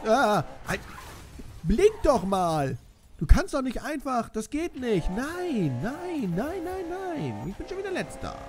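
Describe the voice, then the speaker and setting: Very high-voiced and slow-spoken, a young man narrates his racing game with pitch that swoops wildly, joking and mocking himself in casual let's-play commentary. Game music and car sounds fill the background.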